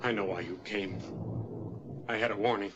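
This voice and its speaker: An actor playing a nervous, guilt-ridden man with a halting, intense manner in a vintage American TV suspense drama. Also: lowish voice, steady tone, dull audio, noisy background, lightly acted. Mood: accusing, paranoid. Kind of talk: mid-century American TV suspense drama acting.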